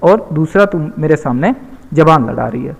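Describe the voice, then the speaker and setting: A man's voice: on the high side, lively intonation, moderate pace. A man voicing an angry male lion, king of the jungle, who threatens a fly in a storybook lesson. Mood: angry threats. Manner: gruff threatening. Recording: long hall reverb.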